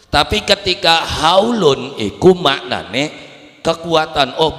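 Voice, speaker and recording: A man's voice: mid-range voice, fairly bright tone. A man with an Indramayu Javanese accent preaching a sermon, asking and answering his own rhetorical questions and repeating words for emphasis. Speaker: Islamic preacher. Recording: reverberant hall.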